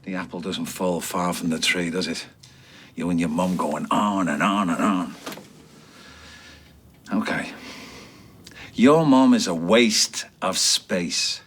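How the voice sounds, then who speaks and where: A man's voice: low-pitched, steady tone, a little slow, long pauses, a bit bright, a little hiss or hum. An actor playing an evasive, menacing man, dismissive and needling, in a TV soap. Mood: menacing, escalating rant. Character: evasive, menacing man cornered by a questioning girl. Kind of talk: naturalistic TV soap acting.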